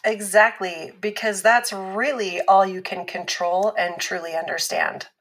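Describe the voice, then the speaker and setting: She's an actress voicing a calm and patient abuse survivor in a scripted fiction podcast, her medium-pitched female voice explaining things in a measured way meant to instruct.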